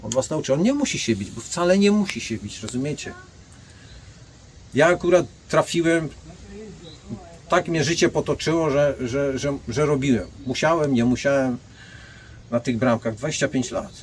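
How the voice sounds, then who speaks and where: A man's voice: mid-range voice, expressive, moderate pace, long pauses. An older man, a martial arts master, telling blunt anecdotes and speaking directly to his listeners. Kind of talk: storytelling monologue.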